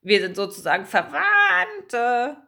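A woman voicing two mocking female seagulls that talk fast and keep giggling. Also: sing-song, creaky, sharp tone, heavily acted. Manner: shrill, giggling, fast teasing.

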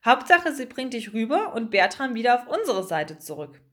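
Woman reader doing male mouse, calm, thoughtful, earnest, storybook. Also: on the high side, moderate pace.

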